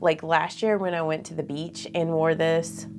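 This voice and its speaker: A beauty vlogger talks through her get-ready-with-me makeup routine in a low, slightly mellow voice with flat delivery at a normal pace. She sounds a bit congested and nasal, uses plenty of filler words, and there's slight background noise.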